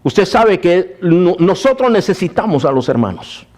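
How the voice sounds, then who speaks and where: A man, a pastor, preaching a sermon and telling his own testimony, calling the listeners "brothers", moving between raised preaching and hushed storytelling. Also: high voice, big pitch swings, moderate pace.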